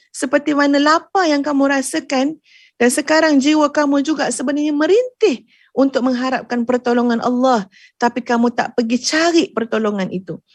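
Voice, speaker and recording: A woman's voice: high voice, no room sound. A woman religious teacher giving a sermon, earnest and addressing her audience, repeating phrases for emphasis. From Malaysia.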